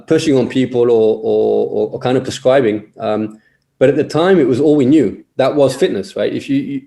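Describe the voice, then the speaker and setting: A man's voice: mid-range voice, dark tone. A man in his forties, a podcast guest, talking casually and hesitantly, with many fillers and repeated words. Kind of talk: casual interview chat.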